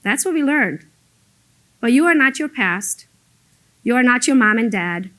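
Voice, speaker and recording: Her pitch fairly high and her tone fairly bright, she speaks unhurriedly with lively intonation. A non-native English speaker who moved to the United States as an adult, she coaches a group on business in a motivational, blunt and emphatic way, telling conversational stories with mild swearing.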